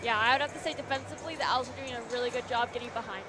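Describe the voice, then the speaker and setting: A woman's voice: fairly high pitch, rapid-fire, music in the background. A woman working as color commentator, giving conversational analysis of a hockey game.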